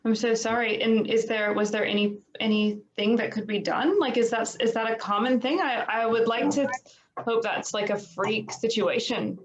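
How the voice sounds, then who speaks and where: A woman's voice: a little high, fairly even intonation, normal speed, slight background noise. A woman hosting a remote interview who asks sympathetic questions and gives short reactions. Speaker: interviewer, host. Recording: muffled, echoey remote call audio.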